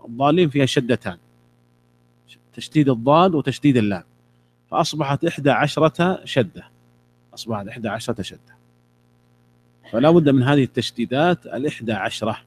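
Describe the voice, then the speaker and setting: A middle-aged teacher works through a religious text with his class, stopping so students can answer and repeating important words. His medium-pitched voice is expressive.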